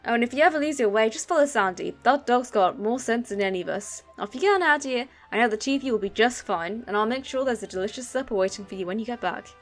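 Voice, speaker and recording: Fond, fussing village mother in a fantasy game, a touch higher, read by a woman. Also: lively intonation, quick pace, hardly any pauses, faint music behind, lightly acted. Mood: doting. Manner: read aloud from on-screen text. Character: doting village mother seeing her son off.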